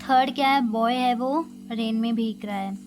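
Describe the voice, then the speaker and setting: A woman's voice: on the high side, moderate pace, rough recording. A woman English teacher with an Indian accent teaching young children, mixing English and Hindi and listing example words one at a time. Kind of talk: recorded class lesson. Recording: music playing behind.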